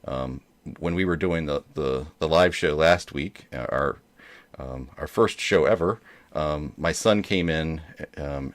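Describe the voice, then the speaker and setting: A man's voice: very deep voice, a little slow. A man hosting a joke show in casual chat, rambling along with many hesitations. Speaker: host of a dad joke show.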